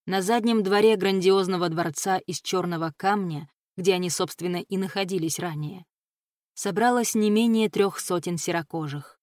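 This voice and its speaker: A woman narrating a fantasy audiobook with a steady, expressive reading. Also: on the low side, normal speed, no room sound, clean studio sound. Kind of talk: scripted narration of a fantasy novel.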